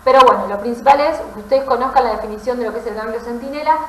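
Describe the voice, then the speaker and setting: An Argentine-accented woman, a physician lecturing on pathology, explains medical material in a didactic way, often checking understanding with short tag questions. Her voice is fairly high and quick, recorded in a roomy, echoey space.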